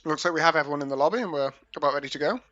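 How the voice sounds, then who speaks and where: A man's voice: on the high side, rapid-fire, a bit bright, no room sound, muffled recording. A man casting an esports match live, with casual, self-mocking patter, heard through a livestream headset microphone. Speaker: esports caster. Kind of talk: live game commentary.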